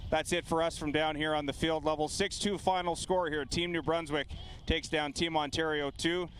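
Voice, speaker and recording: A man's voice: a little high, steady tone, moderate pace, a bit bright, a little hiss or hum. A man working as a field-level sports reporter, doing a live post-game interview outdoors.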